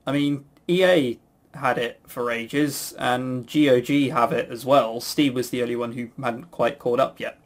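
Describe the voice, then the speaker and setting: Measured in pace and fairly even in intonation, this medium-pitched British man hosts a laid-back podcast. His opinionated talk is rambling and blunt, peppered with swearing and frequent stammered restarts.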